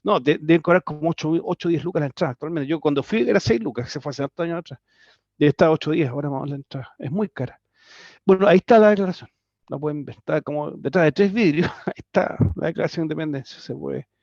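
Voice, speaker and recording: Talking fast in a high-ish, darkish voice, a history teacher with a Chilean accent runs an online class conversationally, full of tag questions and restarts. The sound comes from a computer mic on a video call: dry, a little dull, no room sound.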